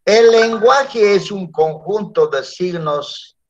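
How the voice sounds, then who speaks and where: A man's voice: high-pitched, expressive, slow. A male teacher giving a classroom lecture, often checking in with his students through tag questions. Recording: dull lo-fi classroom recording.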